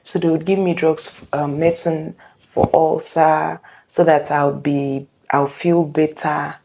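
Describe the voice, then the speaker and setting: A young woman with a low, mellow voice tells her own story to the camera. She speaks earnestly, pauses often, and corrects herself as she goes. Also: level tone, vocal fry. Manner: earnest, halting, with frequent self-corrections. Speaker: vlogger sharing a personal testimony. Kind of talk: casual personal storytelling.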